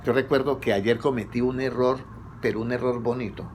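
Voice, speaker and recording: A man preaching conversationally, asking his congregation questions and letting them answer, his pitch rising on each question. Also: fairly even intonation, brisk, a little mellow, a little hiss or hum. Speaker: pastor leading a Bible study. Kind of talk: conversational sermon.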